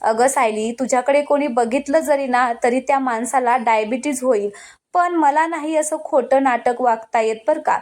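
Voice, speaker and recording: A woman's voice: sits high, moderate pace, darkish tone, natural voice. A woman voicing a scornful young woman villain from a family drama, sneering and mocking as she retorts.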